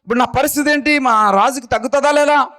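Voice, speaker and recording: Preacher voicing a pleading royal servant. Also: male voice, very high-pitched, fast, pushed and bright, pitched above the performer's own voice. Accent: Telugu.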